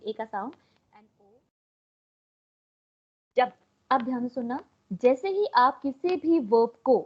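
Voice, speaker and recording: Slow, patient Indian woman teacher. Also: on the high side. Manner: mixes Hindi and English, coaxes students to answer. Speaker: Japanese language teacher. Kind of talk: online class lecture. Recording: dull lo-fi online call audio.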